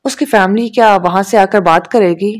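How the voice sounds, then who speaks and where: A woman's voice: mid-range voice, lightly acted. A woman reading the lines of a casual, teasing young man in a storybook, in a dry, offhand manner. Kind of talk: audiobook dialogue reading.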